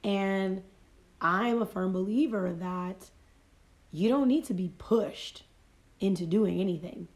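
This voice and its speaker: A woman life coach's medium-pitched, darkish voice moves at a slow pace as she talks casually on a phone livestream at home. Her motivational chat is reflective, full of repeated and rephrased points, and her voice fades because of a cold.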